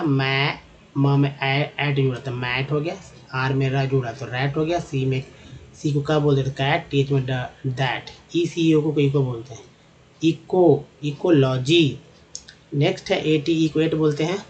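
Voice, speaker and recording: A man with a Hindi accent teaching English phonics, building words slowly from spelled-out parts and repeating each one. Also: a little high, a little mellow, a little hiss or hum. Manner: slow, repetitive, drawn-out explaining.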